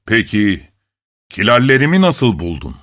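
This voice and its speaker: A man voicing Bluebeard, a cruel nobleman who growls and speaks slowly and threateningly. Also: on the low side, big pitch swings, fairly bright tone, no room sound, studio quality. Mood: cold. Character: menacing cruel male nobleman, older.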